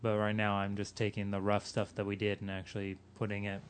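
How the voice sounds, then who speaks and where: A man's voice: lowish voice, completely flat delivery, a little hiss or hum. A man co-hosting a podcast, teasing the others in casual chat. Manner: teasing, quick banter. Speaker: podcast co-host.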